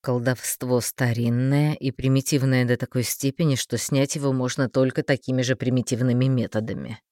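Woman narrator plays unflappable sardonic man, deep put-on register, dry studio read. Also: steady tone, moderate pace, dark tone, no room sound. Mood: musing. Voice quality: low, dry, mocking. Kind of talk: audiobook character voicing.

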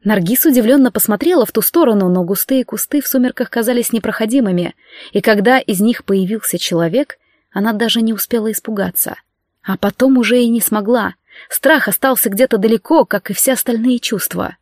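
A woman's voice: a little high, a little fast, a little mellow, dry recording, clean studio sound. Woman reading a novel aloud. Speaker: audiobook narrator. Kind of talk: scripted narration.

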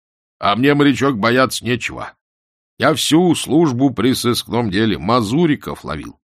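A man voicing a loud, eager, deferential former policeman who barks his words. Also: mid-range voice, expressive, a little slow, dry recording, studio quality, pitched above the performer's own voice. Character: loud loyal older male ex-policeman.

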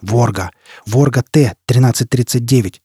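A man's voice: medium pitch, normal speed, dark tone, slightly rough, dry recording, studio quality. A man playing a scarred, menacing, vengeful man who speaks in a curt, growling, threatening way. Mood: obsessed, fierce.

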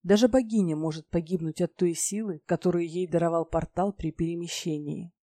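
A woman reading a fantasy story aloud in a measured, expressive storytelling manner. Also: on the low side, no echo, clean studio sound. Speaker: audiobook reader. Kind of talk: scripted narration.

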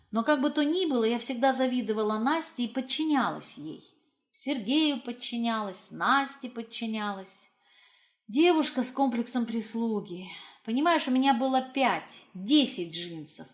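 A woman's voice: fairly high pitch, lightly acted. A woman reading the part of an educated young woman who confides in a friend in a wry, self-mocking way, for an audiobook.

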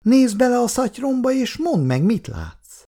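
This is a bustling older housewife from a storybook, brisk and chatty, acted out by a man reading aloud. The voice is raised well above the reader's own yet keeps a dark, mellow grain with some gravel. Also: very high voice, big pitch swings, pitched above the performer's own voice, heavily acted. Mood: excited.

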